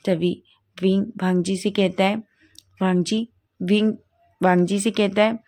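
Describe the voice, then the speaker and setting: A woman's voice: mid-range voice, flat delivery, unhurried, darkish tone. A woman narrating a fan story in a plain retelling manner, often correcting herself mid-sentence.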